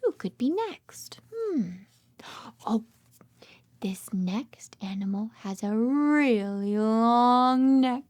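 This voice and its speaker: This woman's fairly high, very animated voice draws words out with a slightly mellow quality in a dry recording. As a read-aloud host and speech therapist, she performs an interactive picture book for toddlers with exaggerated sing-song talk, playful repetition, gasps and whispers.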